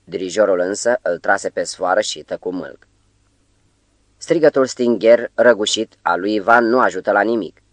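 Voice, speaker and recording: Low-voiced man narrating an audiobook. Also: dry recording. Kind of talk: scripted narration.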